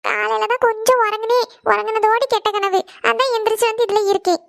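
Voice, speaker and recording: A woman's voice: very high-pitched, fairly even intonation, creaky, dry recording, clean studio sound, voice pushed up. Woman doing a whiny tearful college girl. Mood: sulky. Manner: whiny, pleading, drawn-out. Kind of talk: cartoon voice acting.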